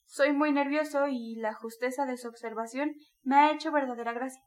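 A woman's voice: sits high, fairly even intonation, fairly quick, natural voice. A woman reading the lines of a sly, chatty middle-aged male magistrate who keeps pressing in an ingratiating way.

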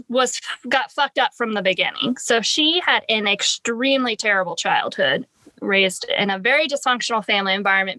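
A woman's voice: high voice, bright, forceful tone, dry recording, low-quality recording. A young woman co-hosting a casual true-crime podcast, chatty and laughing often, swearing freely as she tells the story. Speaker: podcast co-host.

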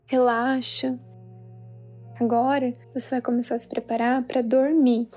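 A Brazilian woman guiding a sleep meditation in a soothing, hushed, spa-like manner. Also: a little high, little pitch movement, unhurried. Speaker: meditation guide. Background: soft background music.

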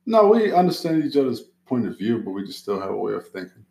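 A man's voice: medium pitch, big pitch swings, fast talker, vocal fry, a little mellow, reverberant, poor audio. A man from Philadelphia with a Philadelphia accent, co-hosting a casual podcast chat, laid-back and joking, swearing freely. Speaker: podcast co-host.

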